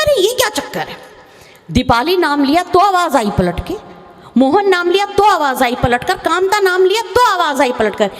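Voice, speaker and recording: A woman comic poet on a live stage, chatting and teasing the audience through a microphone. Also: very high-pitched. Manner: chatty, teasing the audience, sings a slow verse. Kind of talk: stage comedy poetry recital. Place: live stage show in a hall. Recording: reverberant hall sound.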